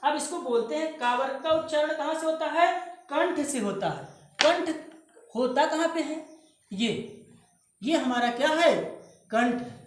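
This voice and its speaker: A woman's voice: sits high, measured pace, long pauses. A woman teaching a grammar lesson, asking questions and answering them herself and repeating key terms. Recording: very echoey room, faint noise.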